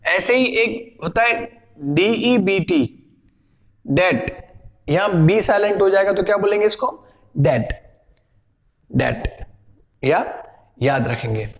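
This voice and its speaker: High-voiced man teaching in a reverberant room. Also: animated, takes it slowly, pauses often, lo-fi sound. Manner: explains patiently, asks and answers his own questions. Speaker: spoken English teacher. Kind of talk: classroom lesson.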